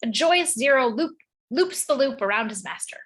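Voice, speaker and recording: A woman's voice: high-pitched, lively intonation, moderate pace, a bit bright. A woman narrating the stage directions of a script in a read-through.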